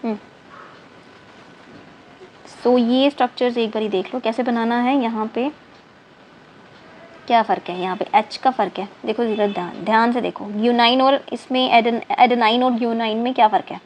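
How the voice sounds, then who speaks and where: A woman with a fairly high voice teaches a chemistry lesson, patiently counting atoms and spelling terms one letter at a time. She repeats key words several times and keeps checking her students are following. A faint hiss sits under the recording. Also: steady tone, moderate pace, long pauses, rough recording. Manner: mixes in English terms and checks in with "thik hai na". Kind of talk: online class lecture. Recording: faint background noise.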